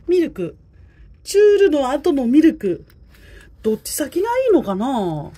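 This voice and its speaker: A woman's voice: on the high side, dark tone, slight background noise. A woman chatting to a neighborhood cat while filming it on a phone outdoors, coaxing and teasing it. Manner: chatty, coaxing, talks to the cat in a sing-song voice.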